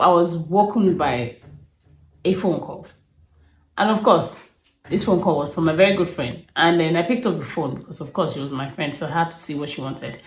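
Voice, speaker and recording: A woman, a herbalist, telling stories calmly with a lot of "you know". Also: fairly low pitch. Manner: calm, rambling storyteller with frequent "you know". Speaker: herbalist and nutritionist. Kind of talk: storytelling in an interview. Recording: echoey room.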